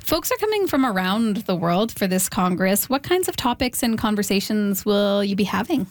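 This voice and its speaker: Measured woman radio host. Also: medium pitch, sing-song, no echo, clean studio sound. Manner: clear, measured scripted delivery. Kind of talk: radio interview.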